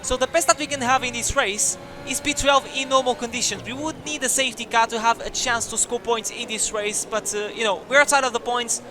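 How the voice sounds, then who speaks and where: Young male gaming commentator, very high pitched, energetic and jokey, shouts at big moments. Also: brisk, hardly any pauses, noisy background. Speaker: gaming YouTuber. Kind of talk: excited racing game commentary.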